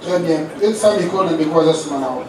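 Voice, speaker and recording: A man questioning people one after another at a public trial, in brisk, clipped questions. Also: fairly high pitch. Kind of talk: rapid-fire questioning. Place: public gathering. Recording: echoey, distant mic with loud crowd.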